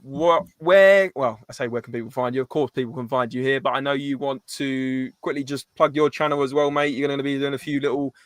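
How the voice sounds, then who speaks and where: A man's voice: mid-range voice, fairly even intonation, a little fast, few pauses, no room sound. A man hosting a casual live football chat in informal, matey slang. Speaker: live stream host.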